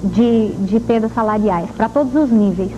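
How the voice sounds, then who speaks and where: A woman's voice: mid-range voice, normal speed. Firm woman on an old VHS tape. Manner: firm and assertive. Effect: old VHS tape recording. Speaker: association president, interview guest. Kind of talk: TV news interview answers. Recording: dull lo-fi old VHS tape with faint hiss.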